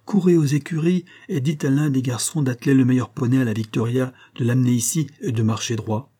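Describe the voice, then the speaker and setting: A man reading an audiobook, voicing a contemptuous, hot-tempered young male horse trainer who shouts insults at his servant. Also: mid-range voice, steady tone, a little fast, husky, lightly acted. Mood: scornful. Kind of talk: audiobook character voice.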